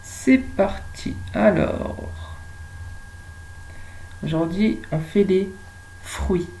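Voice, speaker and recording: A French woman teaching young children at home, speaking slowly and stretching out words so they can follow. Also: medium pitch, warm tone, slight background noise, poor audio. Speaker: kindergarten teacher.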